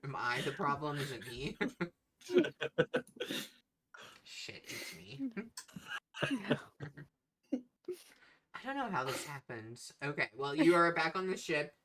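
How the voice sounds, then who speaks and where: A woman's voice: low-pitched, big pitch swings, slow, long pauses, a crowd in the background. A woman narrating as game master of a tabletop game, self-mocking and often laughing.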